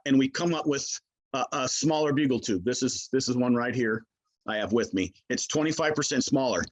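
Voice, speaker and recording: A man's voice: a little high, rough recording. Man casually explaining products, folksy and hesitant. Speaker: game call maker, product expert.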